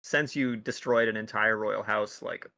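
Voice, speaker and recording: Gravelly bright-voiced male dungeon master. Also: fairly low pitch, steady tone, measured pace. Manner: loose, rambling, full of "like" and restarts. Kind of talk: casual tabletop game chat.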